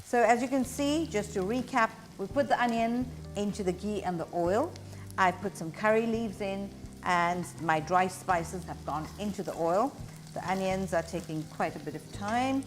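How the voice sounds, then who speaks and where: Low-voiced woman demonstrating cooking. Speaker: cooking show presenter. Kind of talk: cooking demonstration, explaining steps.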